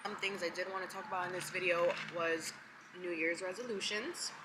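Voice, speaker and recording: A woman's voice: lowish voice, fairly even intonation, fairly quick. A woman in her twenties chatting casually to the camera in a mukbang vlog, eating as she talks. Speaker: vlogger. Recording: loud background noise, vehicle-like ambience.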